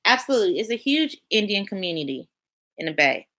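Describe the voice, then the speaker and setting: Woman streamer, relaxed and colloquial, reads chat aloud, bright tone. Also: mid-range voice, fast talker. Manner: chatty, colloquial, talks to viewers by name. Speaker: livestream host reading chat. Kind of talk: casual live-stream chat.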